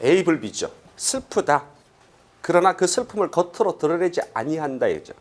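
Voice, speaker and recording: A middle-aged Korean man giving a classroom lecture for exam students, asking quick rhetorical questions and acting out quoted lines. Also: a little high, very animated.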